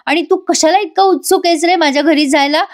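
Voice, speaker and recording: A woman's voice: extremely high pitch, a little fast, pitched above the performer's own voice. A woman voicing an angry, stubborn young wife from a TV serial, speaking sharply. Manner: sharp, cutting.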